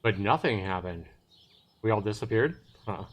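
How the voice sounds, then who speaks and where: On a casual livestream, this middle-aged game streamer alternates between reading a visual novel's text and commenting on it. His fairly low voice is expressive and moves at a normal speed, picked up by a voice chat microphone.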